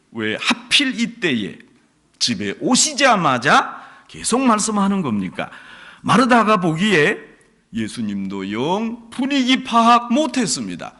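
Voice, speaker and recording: A male pastor preaching a sermon, telling stories in an animated way and acting out what people say. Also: high voice. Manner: animated storytelling, acts out quotes.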